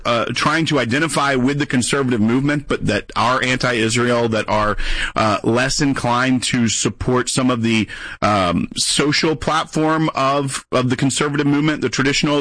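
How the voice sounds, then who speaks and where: A man's voice: medium pitch, a bit bright, no room sound, low-quality recording. An American man hosting a political radio call-in show, building his commentary with hesitations and restarts. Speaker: radio talk show host. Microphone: close studio microphone.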